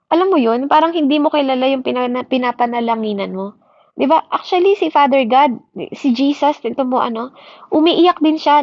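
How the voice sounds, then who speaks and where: A woman's voice: high-pitched, darkish tone, no echo. A woman preacher delivering a sermon, switching between Tagalog and English and asking her listeners "di ba?" after nearly every point. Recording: dry, slightly dull recording.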